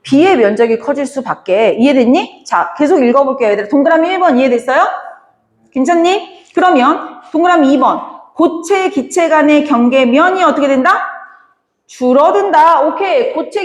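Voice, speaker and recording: A woman teacher giving an online lecture, asking her students questions and answering them herself. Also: sits high. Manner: often addresses listeners as kids. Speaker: Korean language teacher. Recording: echoey room with long reverb.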